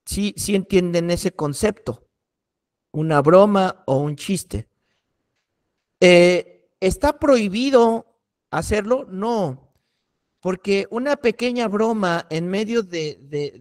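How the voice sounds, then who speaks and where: A man's voice: sits high, slow pace, long pauses. A middle-aged man, a pastor giving a preaching workshop and repeating key warnings earnestly.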